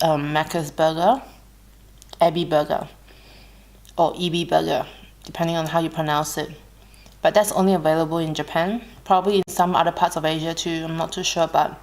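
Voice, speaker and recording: A woman with an Australian accent talks on her eating vlog in a somewhat low voice. She is relaxed and unhurried, breaking off to chew and hum softly between her sentences. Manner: relaxed, unhurried, pausing to eat with soft hums. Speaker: mukbang vlogger. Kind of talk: casual chat while eating.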